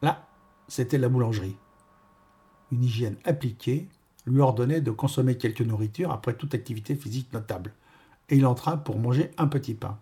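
A male narrator reads a novel aloud with a wry, measured delivery. His voice is husky and of middling pitch. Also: dark tone. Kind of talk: audiobook reading.

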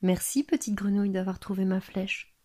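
A woman's voice: medium pitch, little pitch movement, moderate pace, dark tone, natural voice. Young fairy-tale prince, gloomy and plaintive, voiced by a woman reading aloud. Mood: grateful.

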